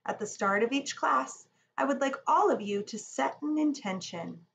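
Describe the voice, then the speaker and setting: Her voice sits high, with lively intonation, normal speed, vocal fry and a fairly bright tone. Reading a picture book aloud in a children's read-along yoga lesson, she's expressive and gives young kids simple, encouraging instructions. The room echoes, the mic is distant, and there's background noise.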